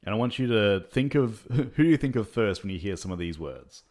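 A man's voice: lowish voice, lively intonation, brisk, a little mellow. A man co-hosting a podcast, talking casually and rambling with lots of fillers and little laughs. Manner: rambling, many fillers, laughs between points. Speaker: podcast co-host. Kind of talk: casual chat.

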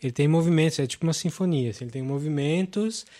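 A man's voice: on the high side, fast talker, mellow. Guy hosting a film podcast, gets really into it, rambly with lots of "assim". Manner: enthusiastic, rambling, many fillers. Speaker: podcast host. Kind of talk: casual film chat.

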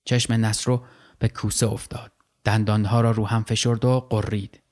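A man reading fiction aloud as a storyteller, with measured, dramatic delivery. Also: on the low side, flat delivery, a little mellow.

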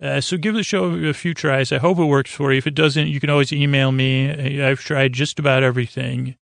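A creaky-voiced man hosts a sleep podcast, offering rambling bedtime talk to help listeners drift off. His mid-range voice keeps a fairly even intonation as he meanders haltingly, goofing gently, repeating himself, and trailing off into wordplay. The recording is dry.

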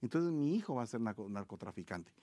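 A man co-hosting a faith-based marriage talk in a preaching style. He moralizes earnestly and presses his points with rhetorical questions. His voice sits at an ordinary male pitch, recorded close and dry. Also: expressive, fast, dark tone, no echo.

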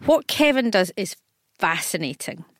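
A woman's voice: mid-range voice, sing-song, normal speed, no room sound, studio quality. A woman comedian, telling self-deprecating stories in a casual podcast chat. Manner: chatty, self-deprecating, storytelling.

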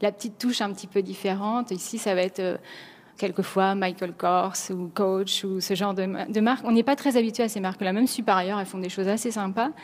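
A woman's voice: medium pitch, fairly even intonation, brisk, big-room sound. A French woman talking casually in an interview, with many fillers and restarts as she works out her thoughts. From France. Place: New York.

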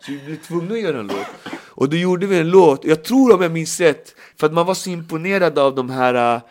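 A middle-aged man chats casually, telling anecdotes with energy. He slips into other people's voices when quoting them, and his speaking voice sits a little high for a man. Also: a little hiss or hum. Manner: animated storyteller, acts out quoted voices. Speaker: guest storyteller. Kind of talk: casual podcast chat.

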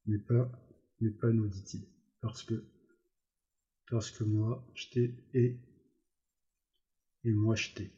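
A man reading aloud, voicing a weary, protective ranch worker who speaks in a flat monotone, on a slightly dull recording. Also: lowish voice, slow pace, pauses often. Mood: tender.

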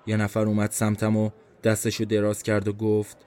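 A man's voice: lowish voice, monotone, a little mellow, clear, resonant tone. A man narrating a first-person story for a podcast he writes, in a tense, introspective inner-monologue manner.

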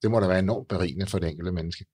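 A man's voice: low voice, darkish tone, slightly rough, no room sound, studio quality. A male host interviewing a guest, often stumbling and repeating words as he asks encouraging questions. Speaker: podcast host. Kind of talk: interview conversation.

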